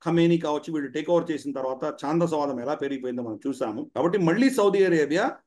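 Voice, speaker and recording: A man's voice: on the high side, expressive, fast talker, darkish tone. A man speaking as a commentator guest in a studio discussion, explaining at length with frequent "ah" fillers.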